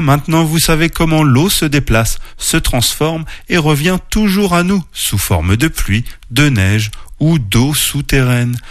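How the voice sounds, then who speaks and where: A man telling educational stories to children in scripted narration, gently animated. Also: medium pitch, dry recording, studio quality. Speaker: children's storyteller.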